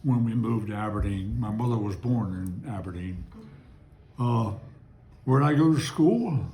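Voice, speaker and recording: In an oral history interview, a man in his nineties from Maryland reminisces about his childhood, rambling into digressions and chuckling as he recalls. His voice is fairly low, unhurried, creaky and mellow, heard in an echoey room.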